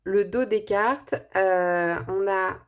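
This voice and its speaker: A woman's voice: medium pitch, slow. A woman with a slight lisp on her s sounds, giving an informal card reading and thinking aloud in a hesitant way. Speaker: tarot and angel card reader.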